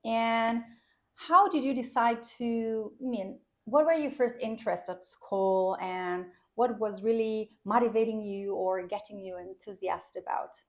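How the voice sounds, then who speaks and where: This podcast host, a woman whose native language is Italian, conducts a casual interview in a chatty, loose style full of restarts, with an Italian accent. Her voice is on the high side and a little mellow, and she speaks a little slowly.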